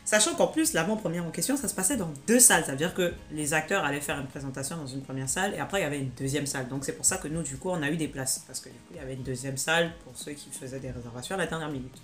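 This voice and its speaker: A young woman vlogger telling a story in an animated, exaggerated, slangy way. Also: low voice, rapid-fire, hardly any pauses, soft background music. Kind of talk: casual storytelling vlog.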